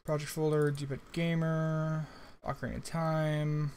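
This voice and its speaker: A man's voice: a little high, flat delivery, measured pace, darkish tone, a little hiss or hum. A young man streaming live, chatting casually and answering viewer comments while he works on a video edit.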